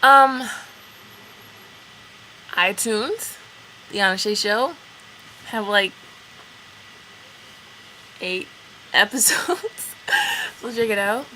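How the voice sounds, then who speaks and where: Bright-voiced young-sounding woman chatting casually. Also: medium pitch, animated, very slow, pauses often, slight background noise, low-quality recording. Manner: giggly, playful, informal. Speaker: podcast host and video vlogger. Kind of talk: casual vlog chat to camera.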